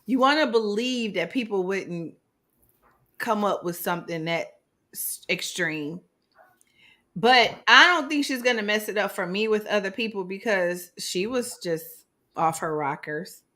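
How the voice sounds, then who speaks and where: A woman co-hosting a podcast in casual chat, animated and expressive, laughing often. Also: mid-range voice, measured pace. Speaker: podcast co-host.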